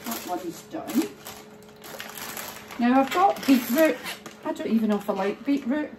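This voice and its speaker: A middle-aged woman, chatting slowly and thinking aloud as she preps food in her home kitchen. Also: fairly high pitch, lively intonation. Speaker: cooking vlogger. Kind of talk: casual cooking chat. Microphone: phone camera held nearby. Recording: noisy home kitchen ambience.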